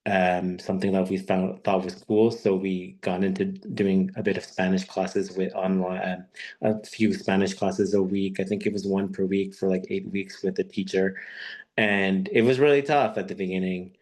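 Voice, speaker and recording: A man in his thirties gives a personal talk on a video call. His voice sits very low and stays quite flat. He tells his story haltingly, taking his time. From born in Peru, raised in Quebec, Canada. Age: 30s. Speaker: guest speaker. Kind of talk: personal talk on an online webinar.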